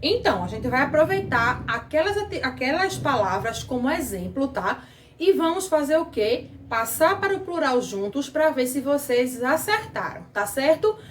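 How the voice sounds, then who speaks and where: A woman's voice: sits high, big pitch swings, moderate pace, echoey room, distant mic, a little hiss or hum. A woman teaching a grammar lesson to children, patient and questioning, stretching out key words, with a Brazilian Portuguese accent. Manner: patient, asks the class questions, drags out words.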